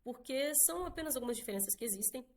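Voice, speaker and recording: A Brazilian woman teaching an online English lesson in a casual, chatty way, often checking in with quick tag questions. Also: on the high side, animated. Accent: Brazilian Portuguese.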